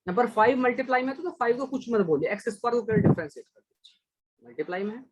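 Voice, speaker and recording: A man's voice: very high-pitched, wildly swooping pitch, fast, slightly rough, low-quality recording. A man teaching a math class online, patiently explaining steps and praising students by name as he checks their answers.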